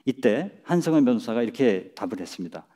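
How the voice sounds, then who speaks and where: A middle-aged man giving a public lecture on a stage, speaking in a measured way and chuckling at his own jokes. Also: mid-range voice, sing-song, dark tone. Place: lecture stage before an audience.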